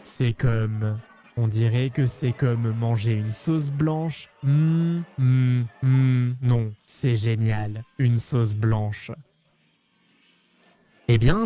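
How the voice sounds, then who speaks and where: A man from Argentina hosting a travel vlog, talking in an excitable, playful, jokey way. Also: mid-range voice. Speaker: travel vlogger host.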